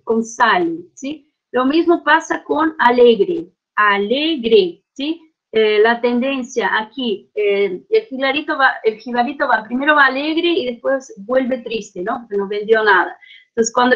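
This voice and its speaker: A woman delivers an academic lecture in a fairly high voice. She hesitates often, restarting phrases and adding tag questions to check in with her audience. The recording is dull and lo-fi, like an online stream. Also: a bit bright. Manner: hesitant, frequent fillers and restarts.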